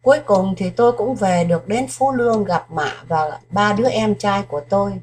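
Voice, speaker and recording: A woman's voice: mid-range voice, normal speed, darkish tone, slight background noise. Solemn woman reading a war memoir. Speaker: narrator.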